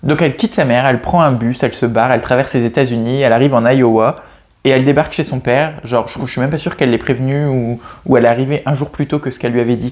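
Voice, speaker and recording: A man's voice: mid-range voice, a little mellow. A man reviewing novels in a casual, chatty way, often restarting his sentences and poking fun at himself. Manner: hesitant, frequent restarts and self-corrections; chatty and self-mocking. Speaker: book reviewer. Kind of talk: casual chat about novels.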